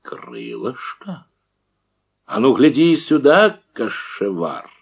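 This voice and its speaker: A man's voice: mid-range voice, measured pace, lo-fi sound, pitched above the performer's own voice, lightly acted. A man voicing a menacing Cossack who asks questions ominously, in an audiobook. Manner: growling, ominous. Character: menacing male Cossack farm leader.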